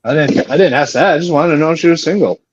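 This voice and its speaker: A man's voice: fairly high pitch, fast talker, a little hiss or hum. A man co-hosting a podcast over a phone, joking and teasing in casual chat. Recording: dull lo-fi phone audio.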